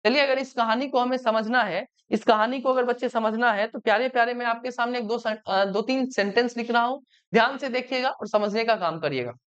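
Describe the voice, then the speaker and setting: A man's voice: very high voice, fairly quick, fairly bright tone, clean tone, lo-fi sound. A male teacher giving an online grammar lesson, often asking his students questions to check they follow. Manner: keeps asking the class questions and checking understanding.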